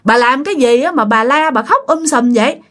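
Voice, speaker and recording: An impatient male village police officer scolds and threatens in a raised, sharp voice. He is fed up and barks his orders, as a woman storyteller puts him on. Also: sits high, animated, brisk, voice pushed up. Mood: scolding.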